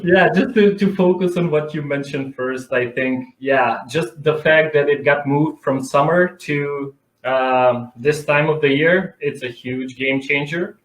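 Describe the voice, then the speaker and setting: A man's voice: a little high, measured pace, few pauses. A man from North Macedonia, speaking conversationally as an expert guest in an interview. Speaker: interview guest, advertising director. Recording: echoey room sound.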